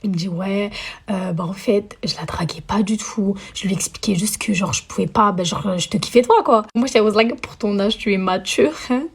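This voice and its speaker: A woman's voice: mid-range voice, moderate pace, husky. A young woman telling a childhood story in a chatty, dramatic way, full of slang and English phrases. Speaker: storyteller vlogger. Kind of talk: casual story time.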